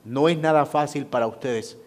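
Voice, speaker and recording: A male pastor leads a Sunday school lesson in a relaxed, conversational manner. He leans on repetition for emphasis and slips into acting out everyday exchanges, at a middle pitch for a man. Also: normal speed.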